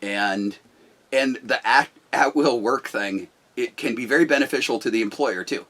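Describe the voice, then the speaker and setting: Speaking at a moderate pace in a loud, mid-range voice, a middle-aged business owner gives blunt, forceful views on management during casual conversation.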